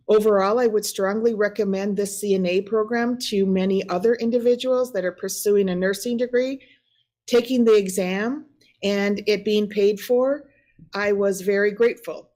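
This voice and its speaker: A woman's voice: mid-range voice, a little mellow. Woman, Wisconsin accent, reading statements at a meeting, apologetic, self-laughing. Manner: apologetic, laughs at her own stumbles. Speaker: school district staff presenter.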